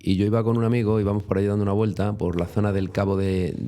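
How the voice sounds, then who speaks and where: Low, mellow Spanish-accented man. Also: level tone, fast. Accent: Spain Spanish. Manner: chatty, rambling with many tag questions. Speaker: interview guest. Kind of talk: casual storytelling interview.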